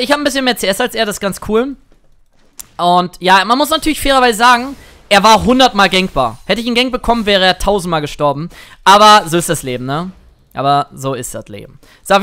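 A young man chatting excitedly through live gameplay commentary as a streamer, now and then singing or shouting at a play. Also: high voice. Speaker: gaming streamer.

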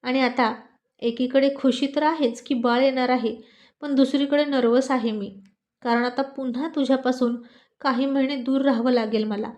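A woman reading the part of a man in his mid-thirties who teases his wife fondly. He sounds playful and warm toward her, in a fairly high storyteller's voice. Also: fairly even intonation, moderate pace, lo-fi sound, natural voice. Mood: affectionate, teasing. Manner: teasing, fond.

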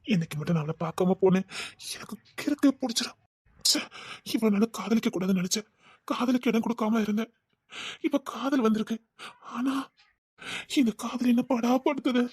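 A woman's voice: a little high, fairly quick, long pauses, darkish tone, husky, dry recording, clean studio sound. A woman voicing a restless, lovesick young village man who murmurs longingly to himself.

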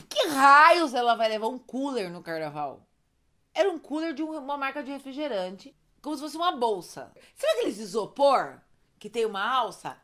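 A woman casually recapping funny moments, chatty, with asides to viewers and frequent fits of giggles. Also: medium pitch. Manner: giggly, often breaks into laughter. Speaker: storyteller recapping roleplay streams.

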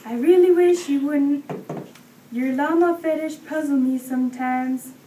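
A woman's voice: high voice, measured pace, mellow. A young woman playing an exasperated, trash-talking girlfriend in amateur sketch comedy, recorded in a classroom. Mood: mock complaining. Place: classroom, far camera. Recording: roomy classroom, distant camera mic, faint noise.

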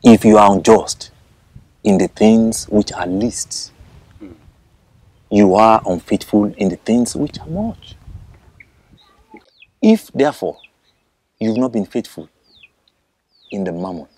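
An actor with a Nigerian English accent playing a calm, authoritative spiritual teacher who quotes scripture in a measured, solemn way. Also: male voice, lowish voice, creaky, full character voice, rough recording. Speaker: teacher, preacher figure. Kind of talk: scripted film dialogue.

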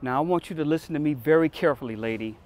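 Firm police captain played by an actor, higher-voiced. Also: male voice, rapid-fire, darkish tone, natural voice. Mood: calm authority. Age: middle-aged. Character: firm, authoritative middle-aged male police captain, off duty. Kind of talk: acted drama dialogue. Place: outdoor parking lot.

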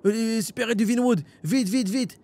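A man roleplaying a small-time crook in a video game, excitable and teasing, barking orders. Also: extremely high pitch, normal speed, crowd noise. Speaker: streamer playing a small-time criminal.

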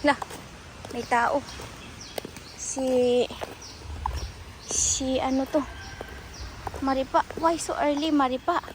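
A woman's voice: high-pitched, fairly even intonation, takes it slowly, pauses often. A woman vlogging outdoors by the sea, chatty and playful. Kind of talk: casual outdoor vlog. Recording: loud waves and outdoor noise. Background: sea waves.

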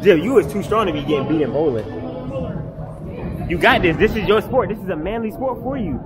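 A young man trash-talks his friends in hyped, casual banter, his voice pitched fairly high. He is caught on a body-worn camera in a busy bowling alley, with loud music and a crowd behind him. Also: animated, brisk. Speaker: vlogger. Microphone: body-worn action camera.

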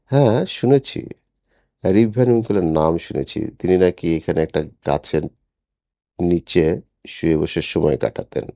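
A man's voice: low-pitched, a little slow, pauses often, warm tone, dry recording, muffled recording. A man voicing an ordinary village man who answers plainly in an audiobook.

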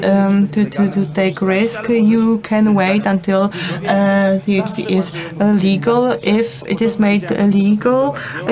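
A woman giving a live interpretation of a conference talk, halting and full of fillers and restarts. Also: mid-range voice.

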